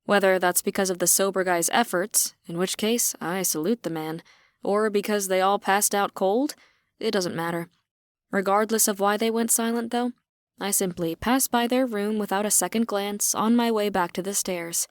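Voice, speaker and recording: A woman narrating a dark fantasy audiobook in first person, with even, wry storytelling. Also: medium pitch, normal speed, no room sound. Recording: dry.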